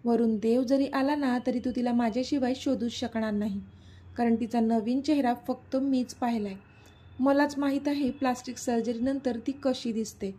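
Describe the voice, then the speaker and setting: A woman's voice: on the high side, steady tone, normal speed, mellow, breathy edge. A woman voicing a cruel, mocking male villain who taunts and sneers, in a storybook reading. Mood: sneering.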